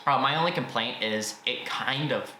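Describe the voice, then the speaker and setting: A man with a medium-pitched, sharp-toned voice reviews a book informally as a video host, talking at a moderate pace. His opinions are blunt, though he frequently hedges them. The room echoes and faint background noise is audible.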